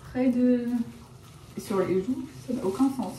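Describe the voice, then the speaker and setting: Her voice sits on the high side, unhurried and mellow, captured off-mic in a roomy space with a bit of hiss or hum. The young woman is casually vlogging at home as she colors her hair, rambling, correcting herself, and scattering fillers like "genre" and "euh," while admitting she's shy and reserved.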